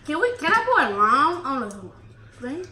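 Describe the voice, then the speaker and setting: High lively young woman, eating and joking. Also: a little slow. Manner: playful, joking slang. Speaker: mukbang host. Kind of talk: casual chat while eating. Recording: echoey room with loud noise.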